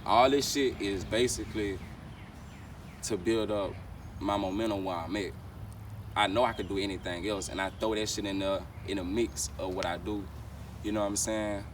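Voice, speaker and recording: In an interview, this young male rapper rambles in casual street slang, circling back to the same phrases and dropping "you know what I'm saying" again and again. He speaks at normal speed in a lowish voice with fairly even intonation, while a distant mic catches clear traffic noise outside.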